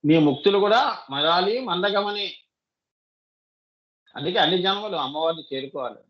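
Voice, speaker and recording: A man's voice: sits high, normal speed, dull audio. A man giving a devotional discourse as a spiritual teacher, often asking his listeners rhetorical questions and calling them child.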